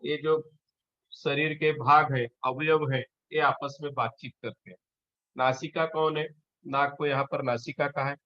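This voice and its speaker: A man teaching a language lesson, reading lines aloud with a bit of expression and then explaining them slowly. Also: a little high, steady tone, sharp tone, no echo. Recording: dull, muffled sound.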